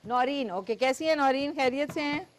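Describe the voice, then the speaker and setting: On her live cooking program, a woman with a Pakistani Urdu accent talks as she cooks and takes calls, often using fillers. Her high voice moves at a normal speed, with slight background noise in the recording.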